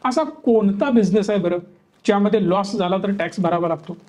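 High-pitched man lecturing on markets. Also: a little mellow. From Maharashtra, India. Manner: rhetorical, questioning, listing points in rapid series. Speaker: stock market educator. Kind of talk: opinion talk to camera.

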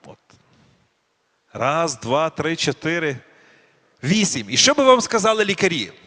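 Man, preacher, slow and deliberate, questions the audience, high voice, reverberant hall. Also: big pitch swings, sharp tone. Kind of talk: sermon.

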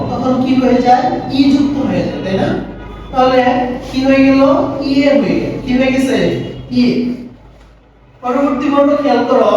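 Woman teacher with a slightly high voice, running repetitive question-and-answer drills, recorded from a distance with faint background noise. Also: darkish tone. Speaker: language teacher. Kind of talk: classroom-style language lesson. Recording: very echoey room, voice away from the mic.

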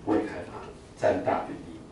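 A man's voice: moderate pace, mellow. A man giving a classroom vocabulary lecture, explaining with frequent "啊" fillers and leading the class in repeating words. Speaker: English vocabulary teacher. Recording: echoey room from far off, faint noise.

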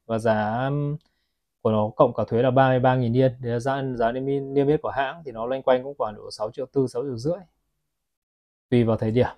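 Fast-talking man showing off a watch. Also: medium pitch, steady tone, darkish tone. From Vietnam. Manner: chatty, keeps addressing viewers as "các bác". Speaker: watch seller. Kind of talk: product review vlog.

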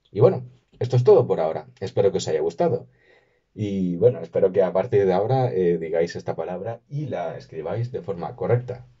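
A man giving a video language lesson, explaining and slowly repeating words for pronunciation. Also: low voice, dark tone, slightly rough, muffled recording. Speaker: language teacher.

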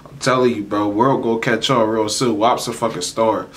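A man's voice: lowish voice, fairly even intonation, normal speed. A young adult American man hosting a casual reaction video in emphatic, profane street slang. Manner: emphatic, slangy street talk with frequent swearing.

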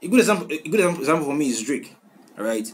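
Male reaction-channel host, casual and hyped, a touch high-pitched, repeats himself. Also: rapid-fire. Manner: excitable, repeats "bro" and phrases over and over.

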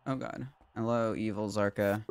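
A man's voice: lowish voice, steady tone, normal speed, creaky. A man streaming a social deduction game with friends, joking and talking himself through his tasks on voice chat. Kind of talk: casual gaming chat. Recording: noisy mic with clicks.

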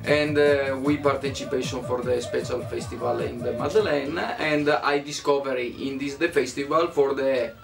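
A man's voice: mid-range voice, moderate pace, vocal fry, hardly any pauses, distant mic, music in the background. A young man speaking broken, searching English as a second language, as a volunteer interviewed indoors by a fireplace. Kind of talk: halting interview answers. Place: living room by a fireplace.

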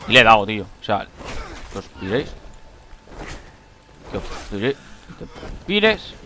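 A man giving excitable let's play commentary, shrieking when he panics. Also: lowish voice, moderate pace, slight background noise. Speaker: gaming YouTuber.

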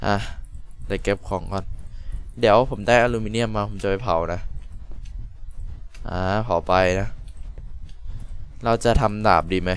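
A man's voice: fairly low pitch, steady tone, a little slow, long pauses, smooth. A young man giving casual, crude, joking commentary while playing a computer game on a desk mic. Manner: crude, joking, self-mocking. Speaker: gaming YouTuber. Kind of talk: casual Let's Play commentary. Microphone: desk mic with noise reduction.

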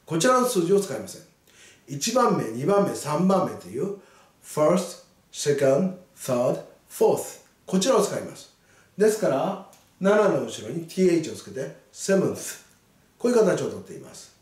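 A male English teacher reads short sentences slowly and then explains them with a lively, swinging voice. His voice sits a little high, and he sounds set back from the mic in an echoey room. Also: distant mic. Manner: slow, deliberate reading of English sentences; animated explaining with frequent "ne" tags. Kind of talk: spoken English lesson.

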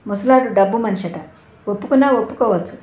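A woman voicing a bold, sharp-tongued young woman in a storybook reading, brash and scornful. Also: medium pitch, a little fast, natural voice. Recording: roomy echo.

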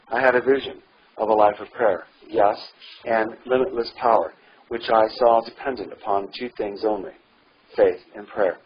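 A man reading a devotional book aloud in earnest, measured scripted narration that swells on key phrases. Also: lowish voice, muffled recording. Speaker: audiobook reader.

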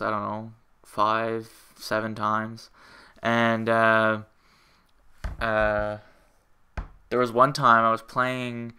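Rambling young man, bright clear voice. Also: on the low side. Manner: rambling, hesitant, many fillers and restarts. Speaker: gaming channel host. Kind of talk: casual channel update. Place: at home.

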